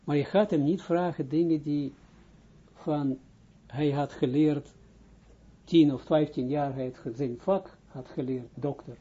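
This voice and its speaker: Husky, very mellow male rabbi teaching. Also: a little high, dull audio. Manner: halting, restarts phrases, keeps checking understanding. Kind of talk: informal spoken lesson.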